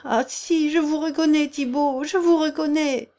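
A woman reading aloud and voicing a gentle, frightened young peasant woman in a high, pleading voice. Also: unhurried. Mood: terrified pleading. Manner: pleading, breathless, high-pitched.

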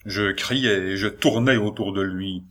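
A man narrating a classic story as an audiobook, in a measured, dramatic manner. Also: fairly low pitch, fairly bright tone.

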